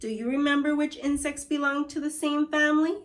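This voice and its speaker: A woman teacher with a high, steady voice and a slightly fast pace guides young children through a read-aloud lesson. She asks them questions and addresses them directly in an encouraging, instructive way.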